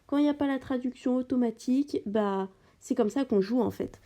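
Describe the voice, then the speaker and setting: A gaming channel host of French-speaking origin talks through her game fairly quickly in a mellow, slightly high voice. Her casual commentary is hesitant, with plenty of fillers and restarts.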